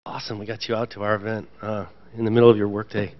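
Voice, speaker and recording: Rattling along rapid-fire in a fairly low, level voice, a man who is an association president speaks on a conference panel. He is chatty and pokes gentle fun at himself, and the lo-fi recording of the room with its audience sounds dull.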